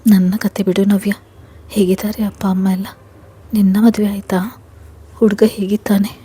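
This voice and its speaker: A woman's voice: mid-range voice, level tone, normal speed, warm tone, breathy edge. A woman reading the lines of a weary, regretful elder sister in a spoken story, subdued and resigned.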